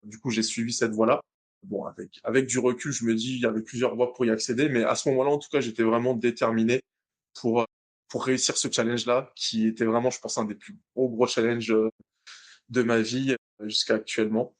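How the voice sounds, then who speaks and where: In this interview, a podcast guest recounts his personal story: a Madagascar-born Frenchman in his late twenties with a French accent. His pitch is medium and his pace fairly quick, and he keeps a relaxed manner while frequently starting his sentences over.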